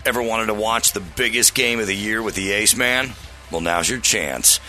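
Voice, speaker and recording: A man announcing scripted promos in the booming manner of a prize announcer. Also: moderate pace, pushed and bright, soft background music.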